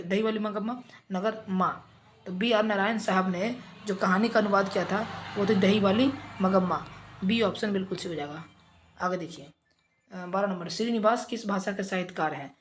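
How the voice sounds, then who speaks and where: A man teaching an exam revision lesson, briskly reading out quiz options and coaxing his pupils along. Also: high-pitched.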